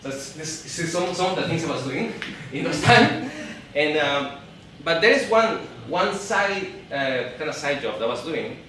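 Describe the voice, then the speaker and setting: On stage in a large, echoing event hall, a Peruvian man in his thirties delivers a live talk in Spanish-accented English, his slightly high voice bright, pushed and swinging widely in pitch. He stands some distance from the mic, with faint background noise, and he halts often, repeating and restarting words while laughing along with the audience.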